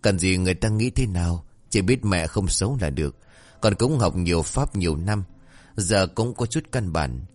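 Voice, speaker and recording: A man voicing a sharp-tongued, bossy stepmother who scolds and lectures her daughter in a folk tale. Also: low voice, expressive, moderate pace. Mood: scolding.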